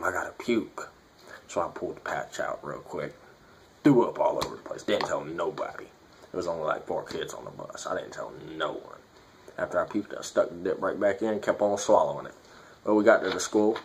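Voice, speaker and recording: A man's voice: low-pitched, gravelly, slight background noise. A man talking casually and bluntly to viewers, swearing freely, with a lip full of dipping tobacco as he reviews and tells stories. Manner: talking with a lip packed with dip; blunt, profane. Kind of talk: casual vlog review and storytelling.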